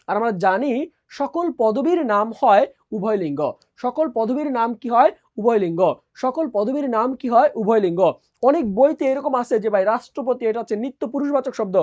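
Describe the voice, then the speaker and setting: A woman's voice: on the high side, a little mellow. A woman teaching a live online lesson, repeatedly asking questions and answering them herself. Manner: drills by asking and answering her own questions. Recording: dull lo-fi sound.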